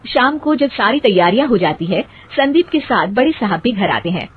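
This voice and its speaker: A woman's voice: on the high side, very animated, normal speed, narrow, tinny audio, slight background noise. A woman narrating a scripted comic story for a cartoon, as the storyteller between the dialogue.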